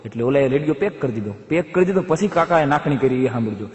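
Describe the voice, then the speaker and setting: A man's voice: medium pitch, fast talker, highs cut off. A man telling a comic folk story on stage, acting out the characters' voices. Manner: animated, acts out characters' voices. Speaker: comedian storyteller. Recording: echoey hall, long reverb.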